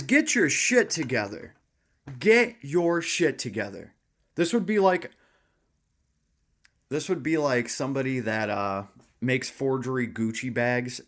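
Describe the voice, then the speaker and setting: An angry hobbyist vlogger rants to camera, exasperated and profane, repeating himself. His voice is a little high with a fairly bright tone.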